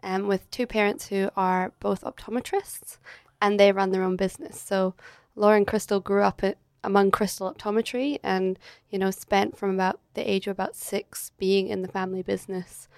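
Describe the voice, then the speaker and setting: A woman's voice: mid-range voice, flat delivery, normal speed, no echo, studio quality. A Scottish woman in her thirties, telling stories as a chatty interview guest who laughs often. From Scotland. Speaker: guest, agency director. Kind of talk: casual interview chat. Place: hotel.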